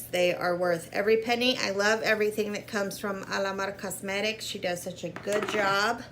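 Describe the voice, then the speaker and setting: Sitting before a gray curtain in a small room, this mid-thirties makeup vlogger talks through her tutorial in a relaxed way, poking fun at herself now and then. Her mid-range voice is creaky yet fairly bright, picked up by a fixed camera at arm's length with slight background noise.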